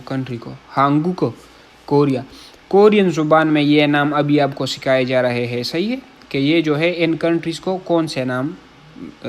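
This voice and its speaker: In a relaxed, classroom-style lesson, a Pakistani man teaches Korean vocabulary with a fairly high-pitched voice. He reads each word aloud, says it again, explains it in Urdu, and keeps making sure his listeners are following.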